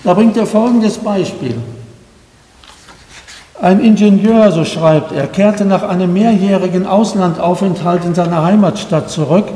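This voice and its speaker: A man's voice: high voice, measured pace, dark tone, reverberant, in a large hall, poor audio. A man preaching a sermon to a congregation, earnest and pleading, often asking his listeners direct questions.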